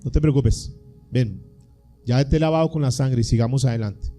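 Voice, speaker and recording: A man voicing God, who answers a believer calmly and firmly. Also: sits high, a little fast, faint music behind, natural voice. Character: calm, firm God speaking to a sinner.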